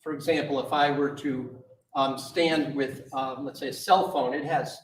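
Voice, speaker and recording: A man questioning a witness in court, halting and full of uhs and restarts. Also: medium pitch, fairly even intonation. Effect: courtroom recording. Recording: echoey courtroom audio from a distant mic with faint noise.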